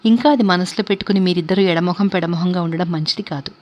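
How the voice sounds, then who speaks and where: Brief: woman reading as a patient old aunt, low, soothing voice, dull lo-fi sound. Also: fast, close to an everyday voice. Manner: soft, soothing, calm. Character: gentle wise elderly aunt, calm and patient. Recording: dull lo-fi recording.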